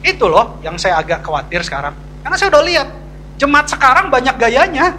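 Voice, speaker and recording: A man's voice: very high-pitched, big pitch swings, fairly quick, sharp tone, slight background noise, low-quality recording. A man, a pastor, preaching a sermon to a church congregation in a chatty, confiding way with slangy asides. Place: church service.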